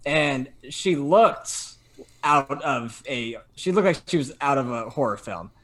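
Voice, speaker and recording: A young man telling a story in casual chat, animated and full of fillers and restarts. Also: medium pitch, takes it slowly. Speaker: podcast guest telling a story.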